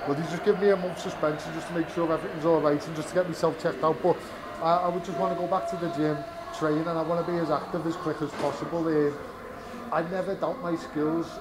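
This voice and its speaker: A twenties-aged British fighter speaks at a quick pace, his pitch fairly high with little movement, during a candid post-fight press interview. He rambles, restarting and filling often, in the venue's media area as crowd chatter carries behind.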